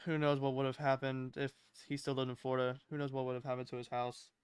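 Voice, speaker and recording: A man's voice: medium pitch, completely flat delivery, fast talker, smooth, no echo. A young man co-hosting a livestream, chatting casually in slangy, informal language. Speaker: livestream co-host. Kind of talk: casual chat.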